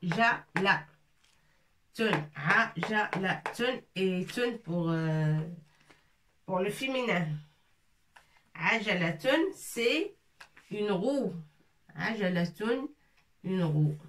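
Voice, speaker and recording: A woman teaching with slow, unhurried patience, going over each word again and again syllable by syllable. Her voice sits a little back from the microphone. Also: mid-range voice, animated, fairly bright tone, distant mic. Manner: patient, repeats words syllable by syllable. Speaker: Arabic teacher. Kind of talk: slow spelled-out language lesson.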